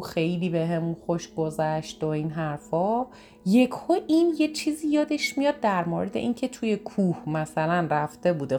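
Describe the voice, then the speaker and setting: Low-voiced woman teaching a lesson. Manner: lively, acts out example dialogues. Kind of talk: spoken lesson.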